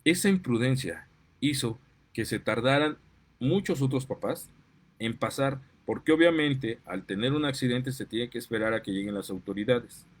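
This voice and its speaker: A man with a Mexican accent, a parent and commentator, delivers an impassioned, indignant monologue at a moderate pace in a medium-pitched, animated voice. It keeps getting heated as he works himself up, then apologizes for his outbursts.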